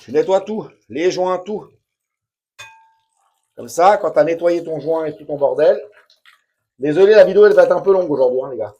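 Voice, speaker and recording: A man's voice: fairly high pitch, moderate pace, long pauses, warm tone. A man talking casually and bluntly to the viewer while demonstrating a repair in his home bathroom. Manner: blunt, slangy, chatty, addresses viewer directly. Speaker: DIY home repair vlogger.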